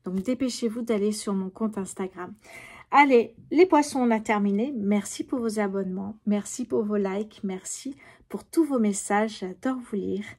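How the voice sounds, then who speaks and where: Middle-aged lady doing a tarot reading to camera, chatty, mellow husky voice. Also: mid-range voice. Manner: chatty, addresses viewers directly, many fillers. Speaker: tarot reader.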